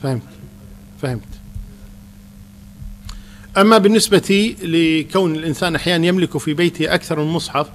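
A man, a Quran teacher calmly answering questions in a religious lesson. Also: sits high, slight background noise.

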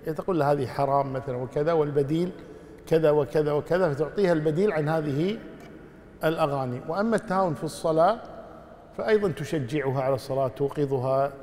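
Fast-talking male scholar in a reverberant hall. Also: on the high side, darkish tone, a little hiss or hum. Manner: measured, full of pious formulas. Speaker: Islamic scholar answering questions. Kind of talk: religious Q&A lesson.

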